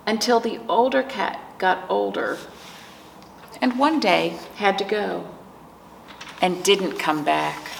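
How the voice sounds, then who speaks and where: Reading a picture book aloud at a virtual storytime, a woman librarian speaks gently to the children and asks them simple questions. Her voice sits fairly low and has a creaky texture, with slight background noise in the recording.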